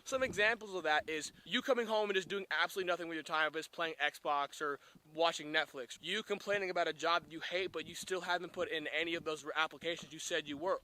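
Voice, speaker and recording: Bright-voiced young man giving dating advice. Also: fairly high pitch. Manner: emphatic, peppers talk with "man" and "right?". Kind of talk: casual direct-to-camera advice talk.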